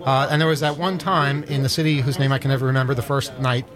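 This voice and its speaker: A man's voice: medium pitch, steady tone, quick pace, a crowd in the background. A man hosting a radio show in a studio, chatting casually and rambling with many self-deprecating restarts. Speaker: radio host. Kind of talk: casual on-air banter.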